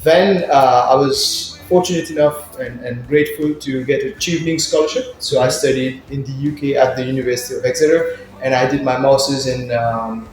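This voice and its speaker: A man's voice: medium pitch, steady tone, normal speed, hardly any pauses, a little hiss or hum. A man from Mauritius with a Mauritian accent, answering interview questions conversationally and often repeating words as he searches for phrasing. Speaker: interview guest, business incubator worker. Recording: very echoey room, music in mix.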